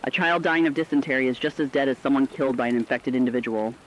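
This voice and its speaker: In a scripted apocalypse radio drama, a man plays a troubled, earnest co-host, delivering his commentary solemnly and reflectively. His mid-range voice is quick and close to everyday speech, and the audio is dull with slight background noise.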